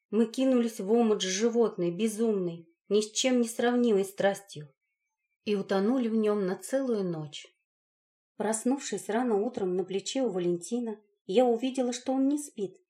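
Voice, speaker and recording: A woman's voice: mid-range voice, warm tone. A woman narrating a first-person story as an audiobook, reading expressively.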